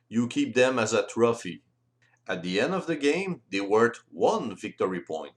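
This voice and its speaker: Speaking non-native English with a careful, halting delivery, a French man voices an instructional explanation of game rules. His voice sits in the mid range.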